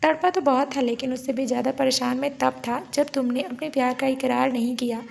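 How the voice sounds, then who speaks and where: A stubborn, teasing young police officer, worn out and clingy with his wife, as a woman reads him in her own high voice. He pleads and sulks softly, like a husband in a romantic audio story. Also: fairly even intonation, fairly quick, creaky, slight background noise. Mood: tender.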